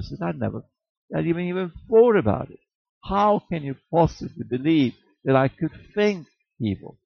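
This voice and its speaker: A man delivers a sermon in a gravelly, fry-edged voice, piling up phrases and asking rhetorical questions. The recording is dry and a little muffled, with no room sound. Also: mid-range voice, dry recording. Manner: rhetorical, repeats words for emphasis, jokes with chuckles. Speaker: preacher.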